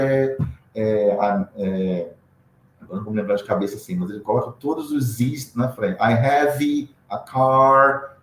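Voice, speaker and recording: A man's voice: mid-range voice, darkish tone. Man, from Brazil, English teacher, casual interview, explanatory, acts out pronunciations, echoey room, faint background hum. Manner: explanatory, demonstrates pronunciations, frequent tag questions. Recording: roomy echo with faint background noise.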